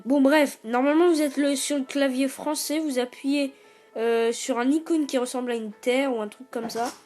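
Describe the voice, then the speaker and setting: A woman with a fairly high voice explains a phone setup in a loose, casual tutorial. She hesitates often, filling gaps with little sounds and restarting phrases. Faint music plays underneath. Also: fairly even intonation, moderate pace, darkish tone. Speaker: YouTube tutorial host. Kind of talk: casual screen-recorded tutorial.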